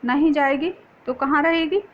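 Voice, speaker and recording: A woman reading the part of a patient older housewife in a gentle tone. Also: high voice, moderate pace, a little hiss or hum, close to an everyday voice. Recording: dull lo-fi recording.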